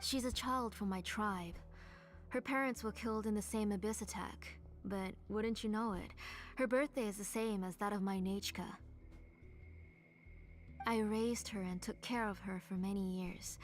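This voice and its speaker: A woman playing a grieving, obsessed villain mother in a video game, delivering a measured, brooding monologue that slips toward breathy near-whispers. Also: mid-range voice, steady tone, soft background music, natural voice. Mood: haunted.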